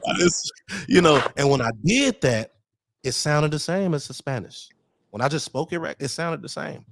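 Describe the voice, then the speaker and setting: A man hosts a casual talk show, telling stories in a relaxed, easy way. His voice comes through close and dry, with little room sound. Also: a little high, normal speed, creaky, no echo. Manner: relaxed, storytelling, yields the floor. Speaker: radio show host. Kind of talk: casual chat.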